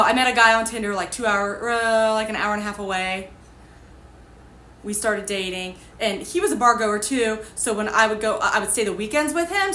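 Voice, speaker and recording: A woman's voice: mid-range voice, bright, forceful tone, a little hiss or hum. A young woman, a ministry host, telling her personal testimony in a chatty, candid way, laughing at her past. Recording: echoey room with faint ambience.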